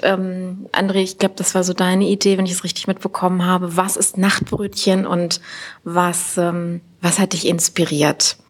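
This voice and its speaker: A friendly woman hosts an interview podcast in a gallery, her voice breathy and soft-edged. She laughs easily and keeps the questions flowing. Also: mid-range voice. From Düsseldorf. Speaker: podcast host. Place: art gallery.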